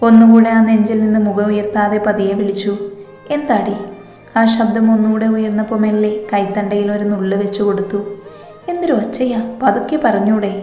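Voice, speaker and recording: Soft-voiced woman narrating a story. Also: mid-range voice. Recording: echoey reverberant room with faint music.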